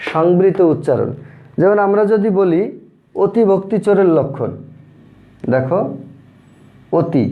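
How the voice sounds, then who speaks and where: A male teacher giving a grammar lesson, patient, repeating terms and asking rhetorical questions. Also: sits high. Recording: thin phone-like audio.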